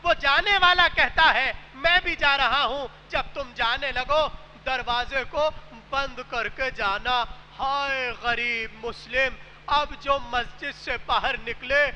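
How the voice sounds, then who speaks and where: High-voiced man preaching in an echoey hall. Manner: rises from soft storytelling to loud wailing cries. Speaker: preacher at a mourning gathering. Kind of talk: majlis sermon, recited with rising lament. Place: large mosque hall. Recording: echoey hall with faint noise.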